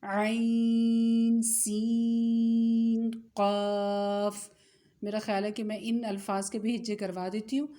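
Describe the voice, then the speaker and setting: A woman's voice: mid-range voice, warm tone, echoey room. A woman teaching tajweed with a Pakistani Urdu accent, explaining patiently and drawing out example words. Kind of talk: recorded recitation lesson.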